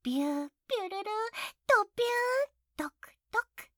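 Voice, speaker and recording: A young adult woman voicing a teasing, mocking young woman in an intimate audio role-play. She is sweetly polite yet scornful and often drops into soft whispers. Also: very high-pitched, expressive, normal speed, no echo, studio quality.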